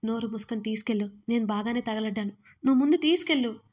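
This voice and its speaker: A frantic, anguished young man barks orders and calls out in alarm, his voice raised and a touch higher than her narration, as a woman reads him out in a storytelling channel. The delivery is urgent and loud throughout. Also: fast, close to an everyday voice.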